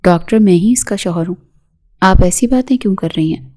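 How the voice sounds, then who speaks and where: A woman's voice: mid-range voice, no echo, lightly acted. A woman reading the lines of an exasperated young husband who answers sharply. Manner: angry, sharp tone.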